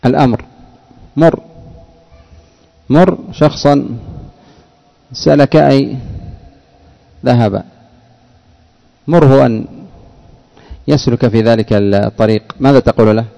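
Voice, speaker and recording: A man's voice: medium pitch, slow, vocal fry, pauses often, warm tone. A man teaching grammar in a classroom, explaining rules and quizzing students by name. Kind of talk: classroom lesson with questions to students.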